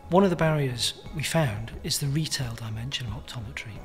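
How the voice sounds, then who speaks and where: A man's voice: mid-range voice, a little fast. A man speaking as a charity spokesperson, formally explaining research findings. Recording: soft music bed behind the voice.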